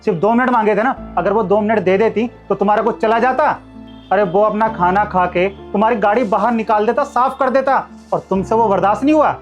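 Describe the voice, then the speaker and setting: A man's voice: high-pitched, brisk, muffled recording, faint music behind, natural voice. A man playing a husband who lectures his wife about treating a guard with respect. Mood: stern. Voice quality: lecturing, moralising. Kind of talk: amateur short-film acting.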